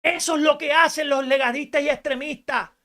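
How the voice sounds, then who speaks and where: Emphatic, bright-voiced woman radio preacher. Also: sits high, steady tone, brisk. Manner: emphatic preaching, rises to shouts, rhetorical questions. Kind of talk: radio sermon.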